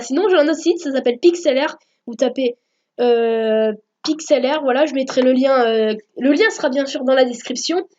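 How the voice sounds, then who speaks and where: A woman recording a software tutorial at home, hesitant, full of fillers and self-corrections. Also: high voice, highs cut off. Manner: hesitant, many fillers, corrects herself often. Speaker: YouTube tutorial maker.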